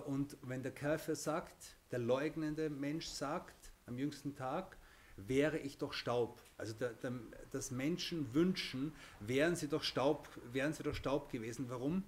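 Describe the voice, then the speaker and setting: A man's voice: medium pitch, moderate pace. A man teaching a religious lesson, explaining with everyday examples, often restarting and checking in with "okay?".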